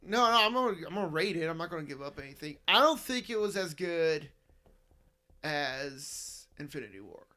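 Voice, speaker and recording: A man's voice: a little high, big pitch swings, normal speed, sharp tone. A young man hosting a casual late-night chat, joking and laughing often, sleepy and yawning. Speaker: podcast host.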